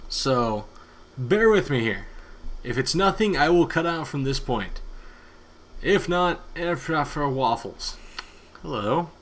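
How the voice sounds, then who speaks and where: A man giving casual, excitable commentary over his own gameplay, yawning and talking to himself. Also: fairly high pitch, slow pace, long pauses. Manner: chatty and excitable, talks to himself, hums along. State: sleepy, yawning. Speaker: gaming YouTuber.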